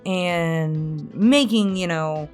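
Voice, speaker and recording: A low-leaning female voice with drawn-out words belongs to an ASMR host in her late twenties answering subscriber questions. Casual and candid, she rambles through personal stories with little chuckles while instrumental music plays underneath.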